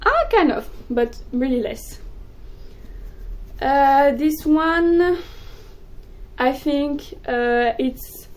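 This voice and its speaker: A young woman, a native French speaker, chatting excitedly about books in a casual vlog. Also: high voice, poor audio. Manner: excitable, gushing, quick bursts. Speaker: book vlogger. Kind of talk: casual chat to camera.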